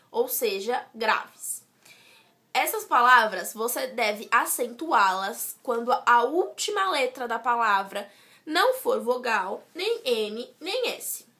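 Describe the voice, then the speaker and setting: Bright-voiced woman explaining Spanish grammar. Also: a little high. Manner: explains step by step, with restarts and "certo?" checks. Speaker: student tutor. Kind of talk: casual explanatory lesson.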